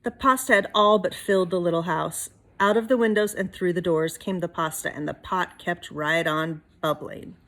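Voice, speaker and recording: A woman's voice: on the low side, moderate pace, hardly any pauses, a bit bright. A woman reading a storybook aloud expressively to young listeners, with casual asides like a teacher.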